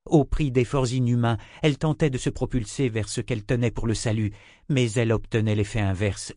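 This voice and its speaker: A man narrating an audiobook chapter in a measured, expressive reading. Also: medium pitch, no room sound, studio quality. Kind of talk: scripted narration.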